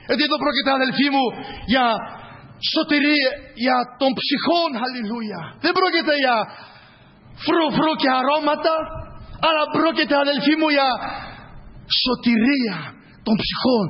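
A man preaching a sermon with fervent, repeating phrases and frequent hallelujahs, his voice hoarse. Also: very high-pitched, long reverb tail, muffled recording.

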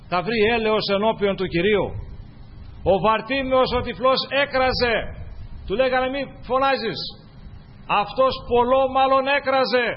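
A man preaching a sermon to his congregation, climbing to loud, fervent peaks and then dropping low and quiet. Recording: dull lo-fi recording with faint hiss.

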